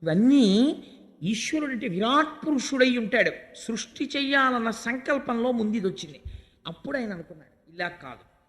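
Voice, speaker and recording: A man giving a religious discourse, telling scripture stories in an animated way and voicing the characters' lines. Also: extremely high pitch, normal speed. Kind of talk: Telugu religious discourse, storytelling. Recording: long hall reverb.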